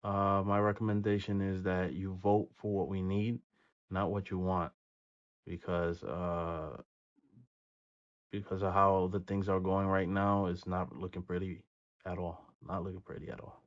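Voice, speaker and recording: A man with a fairly low voice hosts his own video channel. He reads figures and gives his views in a measured way, often pausing on fillers. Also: level tone, dull audio. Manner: measured reading with frequent filler pauses. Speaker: video host. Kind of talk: reaction commentary, reading statistics.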